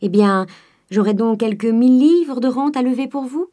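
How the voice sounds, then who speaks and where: A woman's voice: fairly high pitch, mellow, voice pushed up, lightly acted. Woman doing a sly stammering old miser. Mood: conspiratorial. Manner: halting, stammering.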